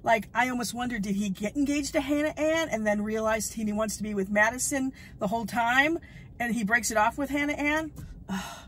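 A woman vlogger talks in a loose, chatty way, piling on excited exclamations. Her voice sits a little high. There is a faint hum behind her. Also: fairly quick, low-quality recording. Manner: gushing, chatty, many exclamations. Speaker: vlogger recapping a reality show. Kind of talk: casual chat.

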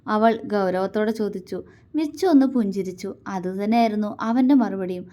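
A woman storyteller reading a romance story aloud in a soft, expressive way. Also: mid-range voice, a little fast.

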